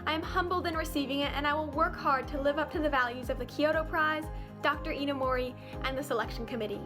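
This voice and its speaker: A woman's voice: high voice, fast talker, music in the background. A teenage girl giving an earnest, scripted personal statement as a scholarship recipient. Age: teens.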